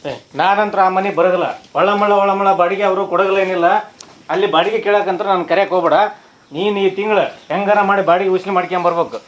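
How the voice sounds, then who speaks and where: A man's voice: high-pitched, steady tone, fast. A man, playing the landlady's son, talking in a curt, stubborn way.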